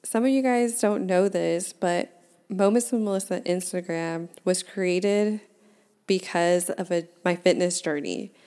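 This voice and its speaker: A woman's voice: fairly low pitch, fairly even intonation, unhurried, dark tone, clean tone. A woman in her twenties hosting her own podcast, talking candidly and chattily and laughing at herself. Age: 20s. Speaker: podcast host. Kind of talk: casual solo podcast talk.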